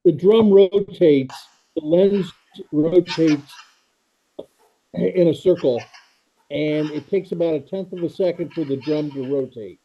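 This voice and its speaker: A man's voice: fairly high pitch, measured pace, pauses often. A man explaining how a camera works on a video call whose audio keeps breaking up. He corrects people patiently and repeats himself. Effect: choppy video-call audio breaking up. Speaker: meeting participant. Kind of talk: casual technical explanation. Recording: dull lo-fi call audio from far off.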